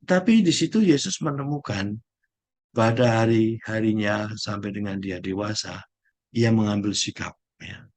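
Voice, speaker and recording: A middle-aged Jesuit priest with a medium-pitched voice offers a slow, gentle spiritual reflection, pausing as if searching for words.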